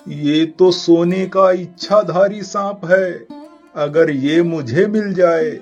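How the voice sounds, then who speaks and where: A timid, greedy farmer, slow and somewhat high, soft music behind. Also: male voice, dull audio. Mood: excited. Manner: fearful, pleading, rustic exclamations. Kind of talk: Hindi cartoon voice acting.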